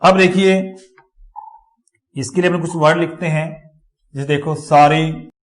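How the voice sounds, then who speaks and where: A man's voice: on the high side, steady tone, a little slow. A man giving a step-by-step lecture, repeating each example word as he explains. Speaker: teacher. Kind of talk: classroom lecture on phonetics.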